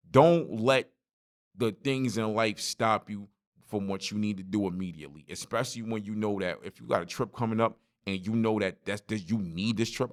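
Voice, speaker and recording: A man talks alone into the mic for his podcast. His voice sits a little low, and he tells stories in loose, animated street slang, speaking straight to his listeners. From Brooklyn, New York. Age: 40s. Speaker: podcast host. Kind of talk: solo podcast monologue.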